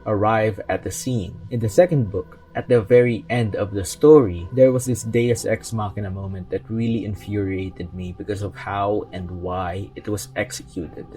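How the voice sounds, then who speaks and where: A man's voice: lowish voice, darkish tone, rough recording. A young man talking casually through a book review, chapter by chapter, with light joking asides.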